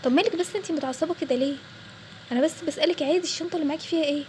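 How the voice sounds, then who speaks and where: A woman's voice: high-pitched, racing, a little mellow, a little hiss or hum, natural voice. A woman with an Egyptian Arabic accent voicing a nosy male office colleague who keeps asking questions. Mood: prying. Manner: prying, questioning.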